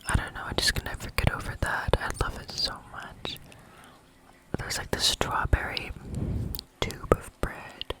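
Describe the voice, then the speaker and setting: Slow rambling whisper, chewing between words. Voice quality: soft unvoiced whisper. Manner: rambling, lots of "like" fillers; chewing and eating sounds between talk. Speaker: ASMR vlogger. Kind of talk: whispered ASMR chat.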